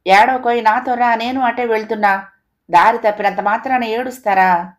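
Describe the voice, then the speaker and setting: A woman voicing a kind middle-aged male schoolmaster in a spoken storybook, asking gentle, cheerful questions. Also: medium pitch, moderate pace, close to an everyday voice. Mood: reassuring.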